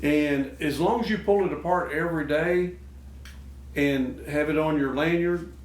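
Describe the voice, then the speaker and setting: A man's voice: fairly high pitch, unhurried. Echoey, distant man hosting casual how-to talk. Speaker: host of a duck call show. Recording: echoey noisy room, distant mic.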